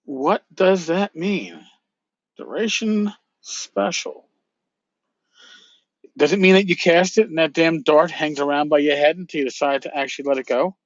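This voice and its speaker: Higher-voiced man hosting a casual podcast, dry sound. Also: moderate pace, no room sound, muffled recording. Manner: musing, rambling, repeats phrases for emphasis. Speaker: podcast host. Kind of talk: casual solo podcast commentary.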